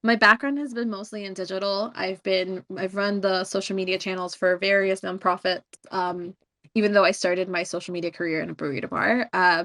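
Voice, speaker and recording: A woman's voice: medium pitch, a bit bright. A woman casually introducing herself on a panel, friendly and with fillers. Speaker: digital strategist.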